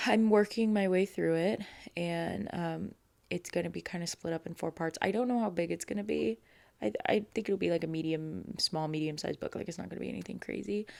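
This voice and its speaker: Young woman, podcast host, filler-heavy rambling chat, lowish pitch, fry in the voice. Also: a little mellow, no echo. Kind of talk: casual solo podcast chat.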